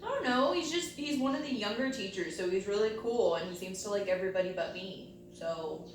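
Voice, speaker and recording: A woman's voice: mid-range voice, lively intonation, fairly quick. A woman role-playing a chatty school student in a counseling session, talking informally in a teenage style. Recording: very echoey room with faint hum.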